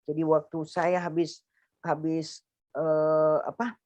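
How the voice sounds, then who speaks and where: A woman with a Makassar Indonesian accent giving a personal testimony to a congregation, acting out the dialogue with sudden jumps in pitch. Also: level tone, slow, a little mellow, no room sound.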